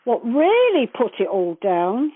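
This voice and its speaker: A woman's voice: a little high, huge pitch swings, slow, no room sound. An older woman reminisces casually over the phone, chatty, earthy and blunt, with casual swearing. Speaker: interviewee recalling past events. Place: on a phone call. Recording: narrowband telephone call, dry.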